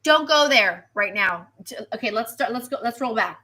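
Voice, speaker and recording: A woman meteorologist giving a live weather stream, animated and chatty, repeating herself and reacting to viewer comments. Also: on the high side, normal speed.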